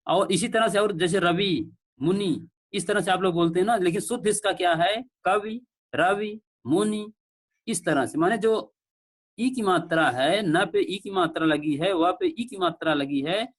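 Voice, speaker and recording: Male lecturer on an online call, high voice, patient and repetitive, checks that students can hear. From India. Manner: explains slowly with repeated examples. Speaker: teacher. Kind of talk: online class lecture on pronunciation.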